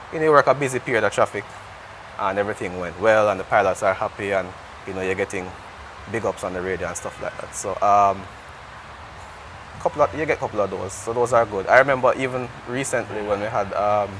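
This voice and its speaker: There's background noise behind this man's fairly low-pitched voice. He's a Jamaican air traffic controller appearing as an interview guest, speaking conversationally and often restarting what he says.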